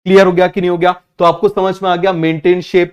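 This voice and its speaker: High-pitched young male biology tutor, drilling students with quick questions. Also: little pitch movement, muffled recording. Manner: keeps asking students if it is clear. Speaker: biology teacher. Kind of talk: online exam-prep class.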